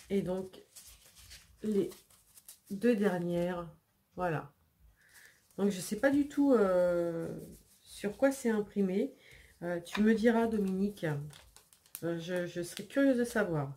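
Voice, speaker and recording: A woman's voice: medium pitch, slow pace, long pauses, dark tone. A woman hosting a scrapbooking channel, unboxing mail in a casual, chatty way with many hesitations and repeated words, sniffling a little. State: sniffling after sneezing.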